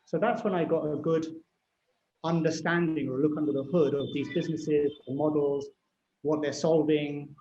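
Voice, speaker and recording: Middle-aged UK-raised male host, slightly high voice, animated storyteller. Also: normal speed, roomy sound, highs cut off. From United Kingdom. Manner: animated, storytelling, frequent "you know" and "right?". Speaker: fintech CEO interviewing a guest. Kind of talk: conversational panel discussion.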